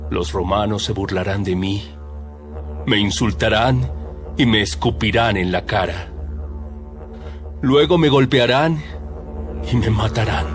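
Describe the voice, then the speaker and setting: An actor playing Jesus as a calm, solemn teacher in a dramatized audio Bible, speaking in a measured, emphatic way. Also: male voice, lowish voice, close to an everyday voice. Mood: grave. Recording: background music under the voice.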